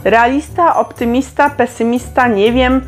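A woman's voice: on the high side, fairly even intonation, a little slow, soft background music. A young woman casually reading quiz questions aloud and answering them with chatty, sarcastic comments. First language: Polish. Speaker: vlogger.

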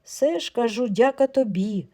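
A woman voicing a downcast husband who answers in a low, mournful murmur. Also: moderate pace, warm tone, lightly acted. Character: glum middle-aged mustached husband, downcast.

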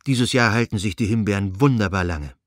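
A man voicing an affable male nobleman who speaks in a relaxed, genial manner, as in a read-aloud novel. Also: fairly low pitch, brisk, no echo, studio quality, lightly acted. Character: affable male district nobleman, smooth and evasive.

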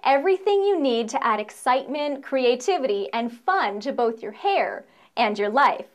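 Upbeat high-voiced woman presenter. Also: expressive, moderate pace. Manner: upbeat, playful, salesy. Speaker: corporate video presenter. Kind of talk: scripted promotional presentation.

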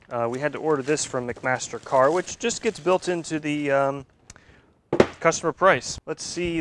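A mid-range male voice with slight background noise: a machine shop owner and video host in his thirties, casually talking through a shop job. He thinks aloud while he works and corrects himself along the way.

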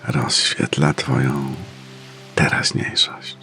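A man leads a guided meditation in an extremely deep voice with a creaky, gravelly edge. His delivery is soft and soothing, moving slowly with pauses between phrases. Faint music plays behind him. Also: flat delivery. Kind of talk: slow guided meditation narration.

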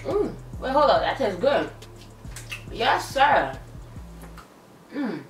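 A woman's voice: fairly high pitch, very animated, takes it slowly, distant mic. A Canadian woman casually reviewing snacks for viewers, talking bluntly while chewing food. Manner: blunt, playful, talks straight to viewers. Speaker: vlogger. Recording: roomy, a bit off-mic, music behind.

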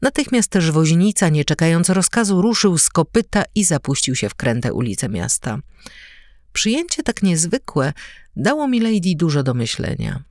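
Female audiobook narrator, lively varied pitch, dry close sound. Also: normal speed, no room sound. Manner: expressive, varied reading.

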